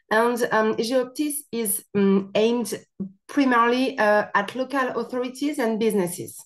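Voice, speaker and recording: A French woman with a French accent giving a hesitant webinar presentation over a video call, with many fillers. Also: a little high. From France. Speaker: presenter, company marketing officer.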